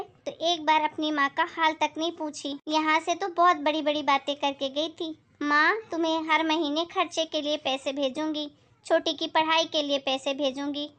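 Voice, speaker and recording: A blunt village aunt who scolds and lectures, her voice pushed lower and heavier, put on by a woman. She talks down to people with a sharp tongue. Her voice is still very high for a woman, for all that.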